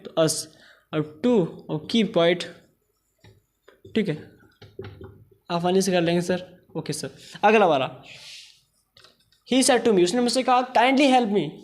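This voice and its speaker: A male teacher explaining a grammar lesson step by step, asking himself questions and saying ok a lot. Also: high-pitched.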